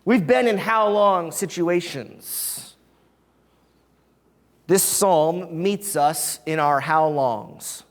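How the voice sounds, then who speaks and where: A preacher giving a sermon in a church, animated and full of rhetorical questions put to the congregation. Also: mid-range voice, drawn-out words, big-room sound. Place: church sanctuary.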